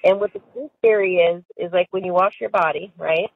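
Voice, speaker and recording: A woman's voice: on the low side, fairly quick, vocal fry, slight background noise. A woman chatting on a recorded prison phone call, giggly and full of fillers like "like". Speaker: caller to an inmate. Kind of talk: casual phone chat. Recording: tinny, dry phone line.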